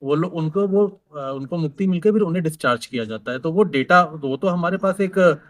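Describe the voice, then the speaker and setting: A man's voice: a little high, a little fast, no room sound. A man, a government official, answering press questions in an explanatory way, with many fillers and restarts.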